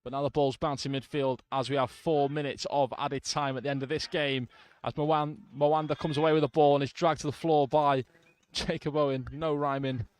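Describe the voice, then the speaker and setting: A man giving live radio commentary on a football match from the stands, calm play-by-play with brief asides to listeners. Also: a little high, fairly quick, few pauses.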